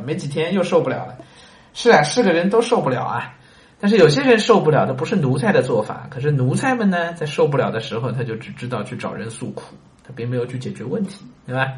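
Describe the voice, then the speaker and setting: A man's voice: mid-range voice, animated, quick pace, echoey room. A man reading a classic story aloud and explaining it, chatting with listeners and asking them rhetorical questions. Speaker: reader and commentator on a classic story. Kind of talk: storytelling lesson with commentary.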